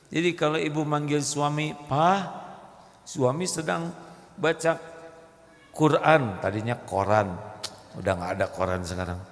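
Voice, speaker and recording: A man's voice: on the high side, moderate pace, pauses often. A man preaching an Islamic sermon to a congregation, telling stories and acting out pleading voices. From Indonesia. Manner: lively storytelling, acts out pleading voices. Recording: echoey hall.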